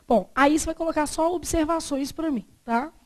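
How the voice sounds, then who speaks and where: A woman's voice: high voice, normal speed. A middle-aged Brazilian woman teaching a Portuguese grammar lesson, chatty and asking the class rhetorical questions.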